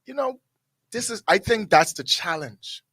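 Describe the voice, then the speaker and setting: A man's voice: high-pitched, expressive, unhurried, fairly bright tone, husky, dry recording. A man, a pastor co-hosting a radio talk show, chatting casually with a wry, skeptical edge and dry quips. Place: radio studio.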